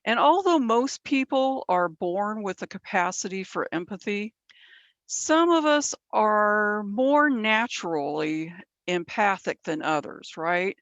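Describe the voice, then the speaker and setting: Her voice is mid-range and fairly bright, expressive as she takes things slowly through a step-by-step mentoring training, regularly asking "right?" Hailing from San Bernardino County, California, she's losing her voice and sounds a bit worn. There's no room sound, and the audio is dull.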